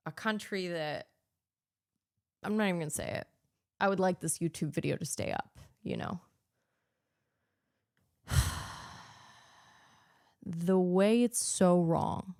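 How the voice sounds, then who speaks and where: A woman's voice: fairly low pitch, slow, pauses often, a little mellow, no echo, studio quality. A woman from the United States hosting a podcast, delivering an earnest, ranting political monologue full of filler words. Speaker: podcast host.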